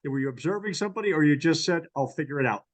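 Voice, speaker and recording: A man hosting an interview as chairperson of a hall of fame, asking questions in a measured, hesitant way. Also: a little high, lively intonation. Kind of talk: interview over video call.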